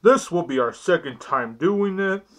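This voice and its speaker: A man's voice: fairly high pitch, animated, measured pace, a bit bright. A young man voicing a foul-mouthed, cheerful little toy Santa in an amateur comedy skit. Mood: boisterous. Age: young adult. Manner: crude, swearing. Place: small bedroom indoors.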